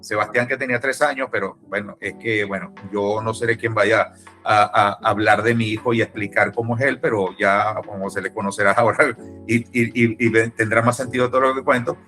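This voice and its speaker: Animated Venezuelan man telling a story. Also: on the low side, a little fast, soft background music. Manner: animated anecdote teller who acts out quoted dialogue. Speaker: interview guest, musician. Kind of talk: casual storytelling.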